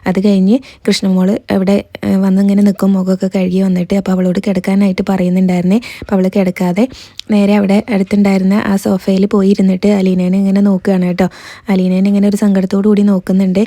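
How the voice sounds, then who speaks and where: A woman retells a serial episode in a relaxed, conversational way, running her sentences together at a brisk clip. Her voice is mellow and stays level, and she reads quoted lines without changing voice. The sound is dry and close, with no room around it. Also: mid-range voice, no room sound. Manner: chatty, keeps adding tag words to sentence ends. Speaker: serial episode recap narrator. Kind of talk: casual spoken story recap.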